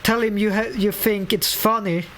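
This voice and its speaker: A man's voice: high voice, steady tone, moderate pace, a bit bright, slight background noise, voice pushed up. A man doing an indignant working-class painter. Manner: indignant read-aloud complaint in a put-on voice. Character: grumpy working-class male painter, annoyed at missing crew.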